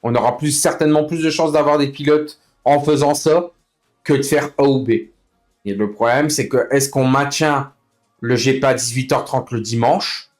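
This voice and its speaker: A man's voice: mid-range voice, moderate pace, soft background music. A man chatting casually on a live gaming stream, complaining in slangy, informal speech and repeating himself as he goes. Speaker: livestreamer running an online racing league. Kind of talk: casual live stream chat with other players.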